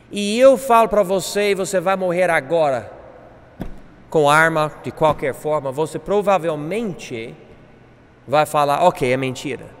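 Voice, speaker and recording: A man teaching a Bible class, animated, acting out quoted speech. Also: high voice, big-room sound. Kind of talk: classroom lecture.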